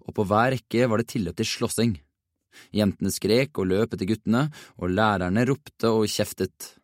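A man narrating a children's storybook in an even, measured reading. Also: fairly low pitch, no room sound, studio quality. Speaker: audiobook narrator.

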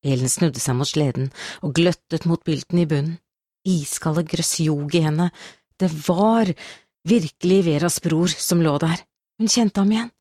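A woman narrating a novel as an audiobook, in a steady, measured storytelling manner. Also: fairly low pitch, no echo, clean studio sound. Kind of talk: scripted narration.

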